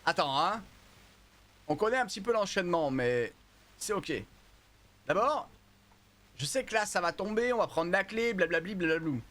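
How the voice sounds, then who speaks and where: A man's voice: high voice, animated, moderate pace, long pauses, fairly bright tone. Jumpy man streaming horror. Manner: jumpy, swears, talks to chat. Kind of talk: live horror game commentary.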